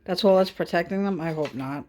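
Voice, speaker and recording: A woman's voice: fairly low pitch, a little fast, darkish tone, slight background noise. A woman chatting casually and playfully, teasing as she helps out with an unboxing video. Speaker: off-camera adult helper in a child's unboxing video. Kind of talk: casual chat.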